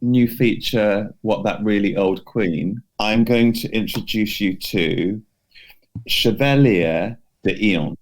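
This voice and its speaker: The speaker is a man co-hosting a podcast, casually recounting a history story off the cuff. His voice is on the lower side and his pace is slow. He sounds hesitant and loosely worded, hedging here and there.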